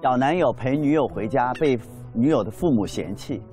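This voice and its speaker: A man's voice: medium pitch, animated, normal speed. A man chatting casually and exclaiming as a cast member of a reality show. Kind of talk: casual banter while watching a screening. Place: dim indoor lounge screening room. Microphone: clip-on lapel mic. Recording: loud music behind the voice.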